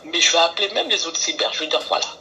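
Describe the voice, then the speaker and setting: A woman speaks on a call into a live stream, her voice bright and sharp-edged. She talks earnestly and keeps pleading for calm. A faint hiss sits under her voice. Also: lowish voice, very fast, rough recording. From France. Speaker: caller.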